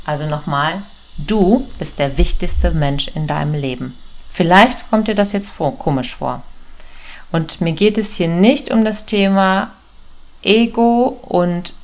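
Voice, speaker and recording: A woman giving a personal, direct self-help talk that speaks to the listener as a friend. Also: on the low side. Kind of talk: casual coaching monologue. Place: room indoors with a door.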